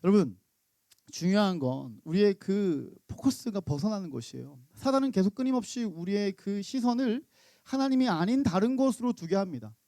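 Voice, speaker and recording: Field: high-voiced male pastor. Style: sermon. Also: normal speed, dry recording, clean studio sound. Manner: animated, asks the congregation questions. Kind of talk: sermon with storytelling. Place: church.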